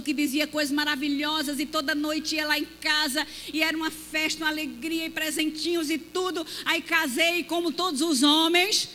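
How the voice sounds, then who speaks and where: A middle-aged woman, a pastor's wife giving a lively storytelling testimony that acts out the voices she quotes. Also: high voice, a little hiss or hum. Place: church hall. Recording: reverberant church hall.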